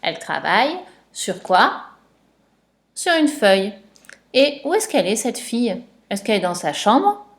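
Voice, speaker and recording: A woman teacher talks a young child through spelling rules at a slow, patient pace. She spells out letters one at a time and repeats each point. Her voice is recorded dry and close, with no room sound. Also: mid-range voice, sing-song, dry recording. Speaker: primary school teacher.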